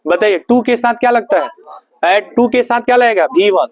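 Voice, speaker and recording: A man's voice: sits high, normal speed, poor audio. A male teacher running a grammar lesson in a classroom, firing repeated questions at his students.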